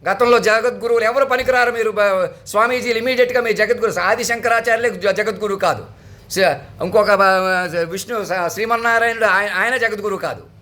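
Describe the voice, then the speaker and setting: A man with a high voice preaches in a commanding, proclamatory way. He hammers home his points through repetition. His voice is bright and sharp. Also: fairly even intonation, fairly quick. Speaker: self-styled spiritual leader. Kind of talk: proclamatory sermon.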